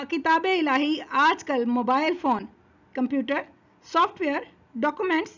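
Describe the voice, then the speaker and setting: A woman's voice: high voice, a bit bright. A woman giving a religious history lesson, explaining steadily and laying out her points in numbered order. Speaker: religious lecturer. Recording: dull lo-fi recording.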